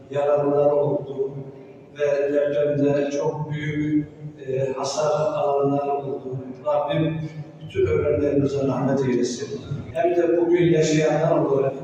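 Guy at the pulpit mic in a mosque, solemn slow prayer talk, mellow tone, big echoey hall, sounds far off. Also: fairly high pitch, dull audio. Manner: solemn, measured preaching with long prayer phrases. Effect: speaking from the pulpit microphone. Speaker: imam leading a memorial prayer. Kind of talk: sermon and prayer. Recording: echoey mosque hall, voice from afar, faint noise.

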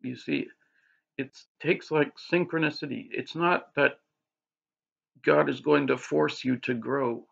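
In a casual religious vlog, a hiccuping man talks about faith to the camera, wandering off track with restarts and fillers. His creaky voice sits on the high side, unhurried and fairly even in intonation, captured on dull lo-fi audio.

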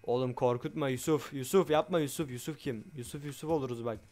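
A man giving excitable let's play commentary on a game, loud and jumpy, swearing often and talking straight to his viewers. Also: medium pitch, quick pace. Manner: loud, shouts a lot. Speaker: gaming YouTuber.

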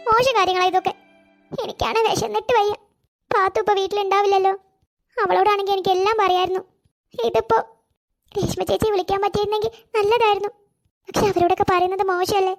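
Tiny cartoon girl, super high squeaky voice, talks quick and sad, hungry and polite. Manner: high childlike voice, plaintive and self-pitying. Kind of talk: cartoon voice acting.

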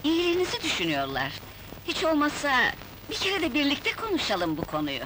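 A courteous composed lawyer. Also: female voice, high voice, huge pitch swings, noisy background. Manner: courteous, measured. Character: polite composed woman lawyer.

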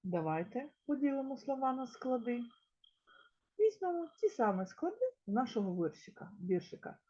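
A woman teaching a small-children's lesson in a slow, sing-song way, stretching words out and sounding them out one by one. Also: high-pitched, big pitch swings, mellow, husky, dull audio. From Ukraine. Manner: drawn-out, sound-by-sound word pronunciation. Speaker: kindergarten teacher.

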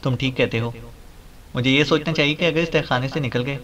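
A man's voice: medium pitch, a bit bright, far from the mic, close to an everyday voice. A man doing a cocky flippant young heir. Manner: dry, offhand, mocking.

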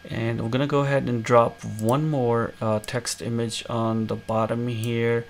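A man hosting a screen-recorded coding tutorial, explaining each step in a relaxed way with many fillers. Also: mid-range voice, measured pace, a little hiss or hum. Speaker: tutorial host.

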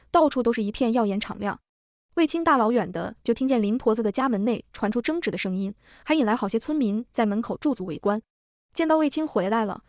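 A woman reads out a fantasy novel recap at a rapid clip, her voice sitting a little high. She keeps an even, brisk storytelling tone and touches the characters' lines only lightly. The sound is dry and close. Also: dry recording. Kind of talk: fast scripted storytelling narration.

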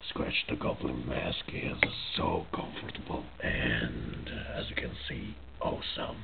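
A man speaking through a face mask as he shows off a costume mask. He talks in a halting, often whispery way. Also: a bass voice, gravelly. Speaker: vlogger showing a costume mask. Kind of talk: casual show-and-tell. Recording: tinny phone-like sound with faint noise.

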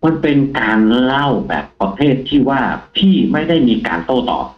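Animated man telling a ghost story. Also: mid-range voice, moderate pace, reverberant, dull audio. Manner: animated, acts out the quoted lines himself. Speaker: guest storyteller, taxi driver. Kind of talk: telling a ghost story on a live talk show.

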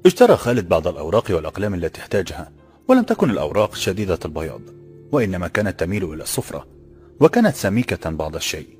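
A man narrating an audiobook in steady, formal classical Arabic. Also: sits low, rapid-fire, faint music behind.

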